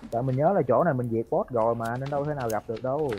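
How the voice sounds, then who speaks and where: Casual gaming co-host, man, mid-pitched, noisy game audio behind. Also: racing, darkish tone. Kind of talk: casual gameplay chat.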